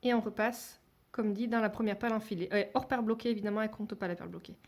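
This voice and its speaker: A woman's voice: medium pitch, steady tone, quick pace, a little mellow. A woman giving a step-by-step beading tutorial, talking hesitantly with many fillers and restarts, and dropping to a near whisper while she counts beads. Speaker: beading instructor.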